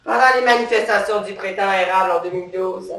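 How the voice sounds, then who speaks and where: On a theatre stage, a stand-up character performer plays a swaggering, bossy policewoman in a satirical comedy monologue, a brash, trigger-happy officer who is touchy and proud of her power. Her voice is medium-pitched, brisk and fairly bright, only lightly acted. The sound is roomy and distant, as if captured from far back in the hall.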